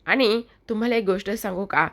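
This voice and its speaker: A woman's voice: mid-range voice, brisk, lightly acted. A woman voicing a stern male driving instructor who talks firmly.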